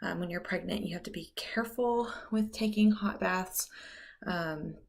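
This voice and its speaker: A young pregnant woman vlogging casually from her bathroom, chatty with lots of ums and now and then slipping into soft whispers, a little out of breath. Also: on the low side, normal speed, creaky. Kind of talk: casual beauty vlog chat. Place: bathroom at home, indoors.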